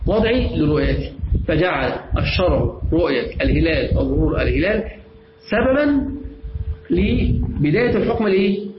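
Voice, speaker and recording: A man's voice: a little high, very animated, normal speed. A man with an Egyptian accent teaching a class. He explains step by step, repeats key phrases and quizzes his students. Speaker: teacher of Islamic jurisprudence. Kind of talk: classroom lesson with questions to students. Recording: echoey, dull lo-fi room recording with clear noise.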